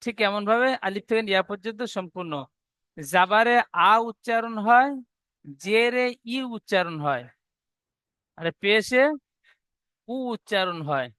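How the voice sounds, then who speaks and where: A man teaching Arabic reading in an online class, spelling letters slowly and drawn out, then explaining briskly. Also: high-pitched, bright, forceful tone, clean tone, dry recording.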